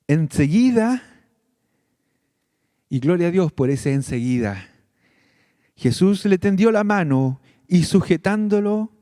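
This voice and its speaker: A man's voice: high voice, dark tone, no echo, clean studio sound. A male pastor giving a sermon, speaking earnestly and directly to his congregation. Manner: slow, earnest preaching addressing the congregation directly.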